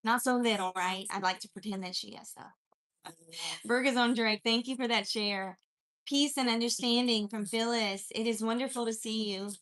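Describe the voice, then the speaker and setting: Woman with a mixed, hard-to-place accent greets her viewers, bright voice, earnest and encouraging. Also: on the high side, fairly even intonation, moderate pace. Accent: mixed accent from many places. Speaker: spiritual life coach and live-stream host. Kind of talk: live-stream chat greeting viewers and preaching.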